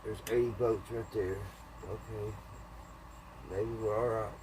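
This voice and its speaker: In a noisy home video, a hobbyist repairs an antique radio and mutters his thoughts aloud in a folksy manner while working. His voice is fairly low, a little slow, and fairly even in intonation.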